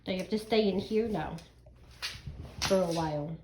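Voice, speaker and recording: A woman's voice: lowish voice, normal speed. A woman chatting casually to her dogs at home, in a cooing, sing-song way with teasing scolding. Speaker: dog owner. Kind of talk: playful pet talk, casual chat to dogs. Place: indoors at home. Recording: echoey room, faint background noise.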